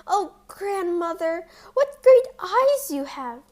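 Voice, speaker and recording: A woman's voice: very high voice, big pitch swings, slow pace, a little mellow, pitched above the performer's own voice, full character voice. A woman playing an innocent, polite little girl from a fairy tale, earnest and wide-eyed. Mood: alarmed wonder.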